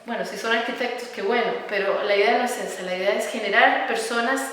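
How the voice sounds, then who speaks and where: A middle-aged woman with a Costa Rican Spanish accent, speaking earnestly as an interview guest, often pausing on fillers and repeating words. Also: on the high side. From Costa Rica. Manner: earnest, warm about children, many fillers and repeated words. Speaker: architect and educator, interview guest. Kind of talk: conversational interview. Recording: echoey room, recorded from some distance.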